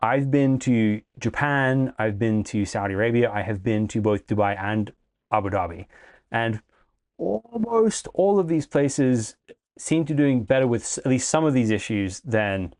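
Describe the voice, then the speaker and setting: A man's voice: fairly low pitch, darkish tone. A man hosting a podcast interview in a friendly, chatty way, sometimes stammering. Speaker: podcast host.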